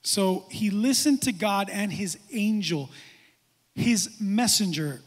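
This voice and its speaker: A man preaching a sermon to young adults as pastor, animated and moving between quiet talk and loud exclamations. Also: high-pitched, takes it slowly. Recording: long hall reverb.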